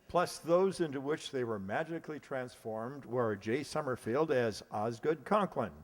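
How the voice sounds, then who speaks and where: A measured, medium-pitched American announcer handles the curtain-call introductions at a live stage show in a hall. He's formal but slips up occasionally and corrects himself. Expect echo, audience sounds and clicks.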